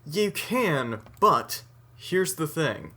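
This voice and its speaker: An eighteen-year-old man from the United States co-hosting a podcast, chatting in animated, opinionated run-on sentences. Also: fairly high pitch, drawn-out words. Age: teens. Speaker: podcast co-host. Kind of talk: casual chat.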